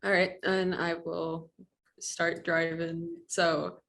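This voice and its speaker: A woman with a gravelly, fry-laden voice playing a tabletop role-play. She speaks bluntly and casually and swears freely. Her pitch sits a little low. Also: little pitch movement, slow, a bit bright. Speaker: player.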